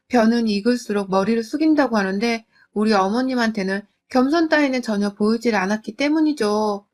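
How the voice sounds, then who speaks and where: A woman in her thirties narrating her own family story in a confiding, conversational way. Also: a little high. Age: 30s. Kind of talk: first-person story narration.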